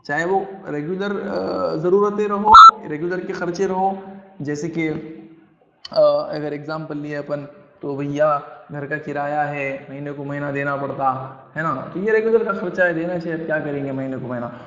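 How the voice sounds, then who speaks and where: A man's voice: a little high, fairly even intonation, normal speed. A man who teaches salary basics in a chatty way, using everyday examples. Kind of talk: explaining a salary lesson in casual speech. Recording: echoey room, dull lo-fi sound.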